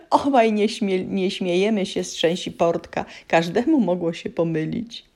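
Woman storyteller, breathy voice, lively, playful, children's story reading. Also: fairly low pitch, a little slow.

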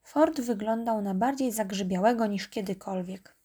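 A woman narrating a children's storybook in a calm, even reading voice. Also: medium pitch, moderate pace, slightly rough.

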